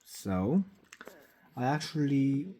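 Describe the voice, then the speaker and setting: A man's voice: mid-range voice, sing-song, extremely slow, mellow, slight background noise. A man of twenty giving a casual, rambling vlog update, swearing freely and filling gaps with fillers and restarts. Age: 20s. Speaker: YouTuber. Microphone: phone.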